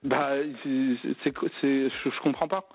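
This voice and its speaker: A man's voice: medium pitch, steady tone, moderate pace, vocal fry. A man being prank called on the phone, talking in a hesitant, stumbling way that turns curt and annoyed. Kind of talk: phone conversation. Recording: tinny phone line.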